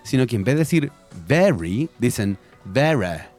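Lively man co-hosting radio. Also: mid-range voice, normal speed, soft background music. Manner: lively, explanatory, switches between Spanish and English. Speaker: radio show co-host. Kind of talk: bilingual educational radio chat about English accents. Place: radio studio.

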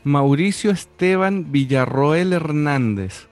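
Chilean guy raised in buenos aires, argentine accent, laid-back storyteller, soft music behind. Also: on the high side, takes it slowly. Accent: Argentine Spanish. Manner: relaxed storyteller, repeats words, laughs often. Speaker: guest. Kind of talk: casual interview chat.

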